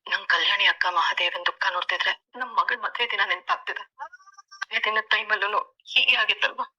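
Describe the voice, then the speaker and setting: A woman's voice: mid-range voice, fairly quick, sharp tone, a little hiss or hum, poor audio. A woman voicing a worried woman relative at a wedding, anxious and earnest.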